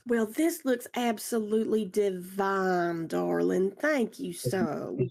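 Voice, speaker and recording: A woman's voice: medium pitch, slow, gravelly, darkish tone. A woman playing a wry, genteel traveller with folksy, colloquial talk in a tabletop game. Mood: gracious.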